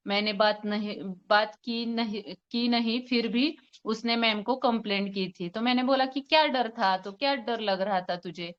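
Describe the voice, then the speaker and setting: Woman, homeopathic doctor, case presentation, quotes patient dialogue, hesitant fillers, fairly high pitch, smooth clear tone. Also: muffled recording. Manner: retells a patient consultation, quoting both sides, with hesitant fillers.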